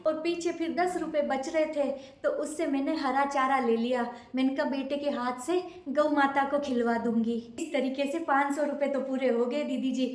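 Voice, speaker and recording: A woman doing a poor, gentle housemaid who speaks with quiet deference. Her voice sits fairly high for a woman, and it rings around a bare room with a noticeable echo. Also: fairly even intonation, moderate pace, hardly any pauses, natural voice. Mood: grateful. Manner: deferential, addresses employer politely. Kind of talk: home-made short drama acting. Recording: echoey room.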